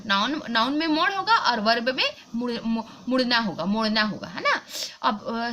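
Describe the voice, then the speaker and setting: A woman's voice: high-pitched, pushed and bright, a little hiss or hum. A woman teacher explaining English words and their meanings, mixing in Hindi and checking in with her students. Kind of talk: online class lesson.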